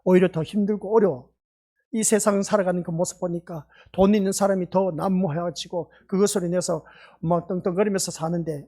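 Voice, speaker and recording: Church pastor, husky tone, fervent sermon delivery built on rhetorical questions. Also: mid-range voice, warm tone. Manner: fervent preaching full of rhetorical questions to the congregation. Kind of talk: evening worship sermon. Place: small church sanctuary.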